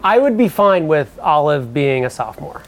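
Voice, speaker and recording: A playful woman running a tabletop role-playing game in relaxed chat with her players. Her pitch swings widely as she jokes and laughs. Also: normal speed. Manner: playful, animated, laughs often. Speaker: game master.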